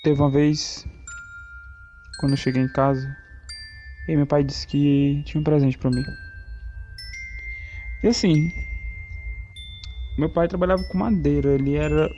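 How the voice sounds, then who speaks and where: An actor playing a male pop star with a Brazilian accent, telling a childhood memory in halting, reflective speech on a podcast in an animated film. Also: a little high, slight background noise, lightly acted. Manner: reflective, halting storytelling with many fillers. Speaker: podcast guest. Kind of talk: animated-film interview acting. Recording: slightly muffled, soft music behind.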